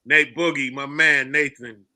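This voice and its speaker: A man's voice: medium pitch, fairly even intonation, unhurried, a crowd in the background. A man hosting a live-streamed interview, upbeat and encouraging toward his guests. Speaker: host.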